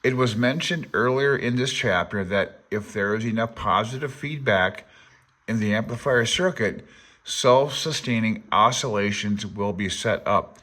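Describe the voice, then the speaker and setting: Unhurried and on the low side, this man's voice comes across as pushed and bright. Acting as an amateur radio hobbyist presenter, he reads handbook passages aloud informally and comments on them, thinking aloud with self-deprecating uncertainty.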